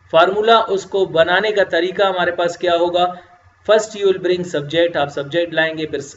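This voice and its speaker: A man teaching English grammar in a recorded lecture, explaining slowly and answering his own questions. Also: a little high. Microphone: voice-over, face not on screen. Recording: roomy, dull lo-fi lecture audio.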